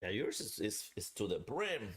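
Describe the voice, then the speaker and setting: A man's voice: on the low side, very animated, normal speed, a bit bright, husky. A man hosting a casual live review and chat, talking directly to viewers in a chatty way. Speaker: livestream host and pipe reviewer.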